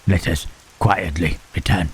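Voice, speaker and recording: A man playing a gentle, brooding, melancholy monster in an ASMR roleplay, with halting, solemn, formal speech and a breathy voice. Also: fairly even intonation, a little hiss or hum. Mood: tender. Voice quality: husky, breathy, deep.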